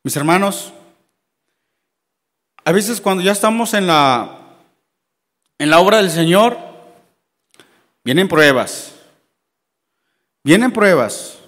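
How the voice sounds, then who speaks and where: A man with a Mexican Spanish accent teaching a Bible class, reading scripture slowly and then explaining it with questions to the congregation, in a church hall. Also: sits high, expressive, a bit bright. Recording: long reverb of a church hall.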